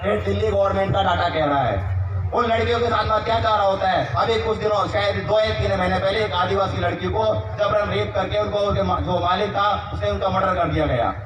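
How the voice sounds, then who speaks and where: A man's voice: sits high, brisk, echoey room, distant mic, low-quality recording. A man giving an impassioned public speech at a convention, firing rhetorical questions at the crowd.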